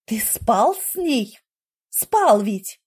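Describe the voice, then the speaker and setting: A woman narrator voices a fiery, jealous young wife with a breathy, emotional voice. Her delivery is husky and raised above the narrator's own tone, in a storybook reading. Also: high voice, drawn-out words, mellow, pitched above the performer's own voice, full character voice. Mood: angry.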